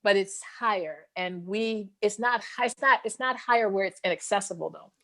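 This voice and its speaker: A woman's voice: mid-range voice, normal speed, sharp tone. A woman podcast host speaking emphatically, often restarting and repeating phrases as she makes her point. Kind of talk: casual interview chat.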